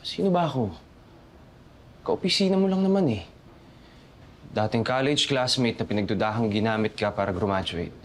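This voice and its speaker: A man's voice: lowish voice, moderate pace, long pauses, a little hiss or hum, lightly acted. An actor playing a bitter young coworker who speaks sarcastically to a woman he is hurt by in a television drama. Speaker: Caloy, office coworker. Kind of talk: TV drama acting.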